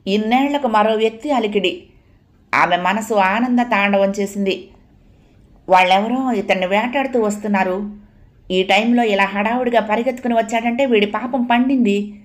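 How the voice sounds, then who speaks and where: A woman reading a novel aloud as dramatic, expressive audiobook narration. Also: medium pitch.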